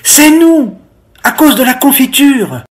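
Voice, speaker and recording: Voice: mid-range voice, big pitch swings, slow pace, a bit bright. A reader doing an eager little piglet. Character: little boy pig, a bit envious.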